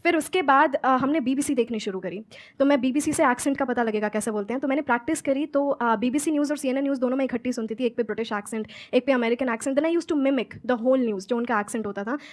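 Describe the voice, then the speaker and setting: High-voiced young woman coach from Haryana. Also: fast. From Haryana, India. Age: young adult. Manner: earnest, explains in mixed Hindi and English. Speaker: guest speaker, English coach. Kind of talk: stage talk answering audience questions.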